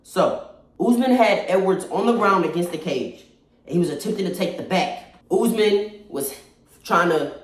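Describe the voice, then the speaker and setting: A person giving casual, opinionated fight analysis, stressing and repeating points, recorded in a very echoey space away from the mic. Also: mid-range voice. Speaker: combat sports commentator. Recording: very echoey room, distant mic.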